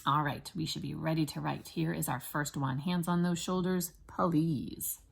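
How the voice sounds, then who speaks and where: A woman's voice: low voice, steady tone, gravelly, slightly rough. A woman teaching first graders, dictating spelling sentences word by word with lots of ums. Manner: slow, deliberate dictation with many ums. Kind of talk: spelling dictation lesson for children.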